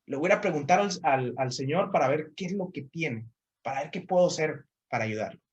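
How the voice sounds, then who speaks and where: A man voicing a gentle, compassionate young man who speaks softly and politely. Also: on the high side, lively intonation, brisk, highs cut off, voice pushed down, lightly acted. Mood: pleading.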